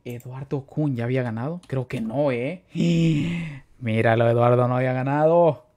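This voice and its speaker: A man's voice: medium pitch, normal speed, no echo. Chatty Mexican man streaming live. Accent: Mexican Spanish. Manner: chatty, greets viewers, excitable exclamations. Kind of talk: live gameplay commentary.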